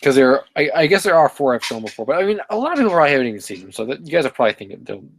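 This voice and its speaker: A man's voice: mid-range voice, big pitch swings, very fast, a little hiss or hum. A man hosting a casual live stream, reading chat and rambling with many fillers and self-corrections. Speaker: livestream host reading chat.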